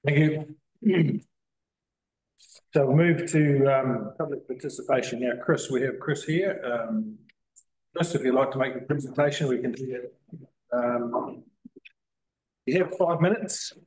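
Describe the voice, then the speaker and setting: A man chairing a community board meeting, working through agenda items in a halting, procedural way. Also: medium pitch, darkish tone, poor audio. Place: council meeting room.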